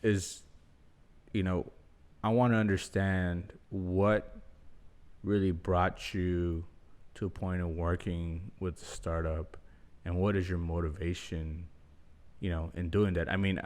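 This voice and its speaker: A man hosting a casual podcast conversation, talking in a relaxed, rambling way with plenty of fillers. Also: low-pitched, slow pace. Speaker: podcast host.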